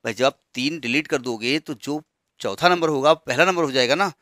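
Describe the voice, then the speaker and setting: A man's voice: mid-range voice, a little fast, pushed and bright, no room sound, studio quality. A man teaching a maths lesson, counting steadily through question numbers and checking that his students follow. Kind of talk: classroom lesson explaining textbook changes.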